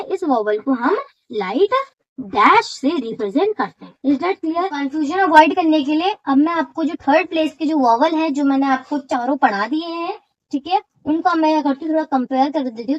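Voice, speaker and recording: Woman, high voice, patient teacher, step-by-step explaining, dull lo-fi audio. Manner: checks in often with "is that clear?". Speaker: shorthand teacher.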